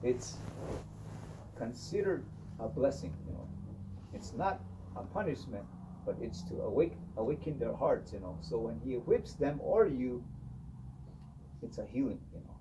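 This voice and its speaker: A man telling a traditional story in an animated way, often saying "you know". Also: medium pitch, a little slow, pauses often, background noise. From Hopi. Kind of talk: oral storytelling. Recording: distant mic with faint ambience.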